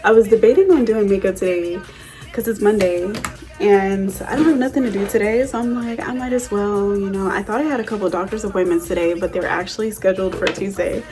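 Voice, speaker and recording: A young woman chatting casually through a makeup tutorial, telling animated stories in slang with plenty of swearing. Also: mid-range voice. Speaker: beauty vlogger.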